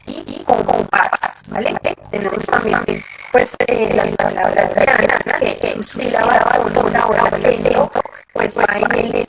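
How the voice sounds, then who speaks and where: A teacher giving a live online class, checking in constantly with short questions and pausing on fillers. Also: very deep voice, creaky, rough recording.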